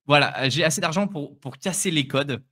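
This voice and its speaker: A man's voice: a little high, lively intonation, fairly quick, bright, forceful tone. A man co-hosting a live crypto stream, giving his opinions in casual chat with frequent restarts and repeated words.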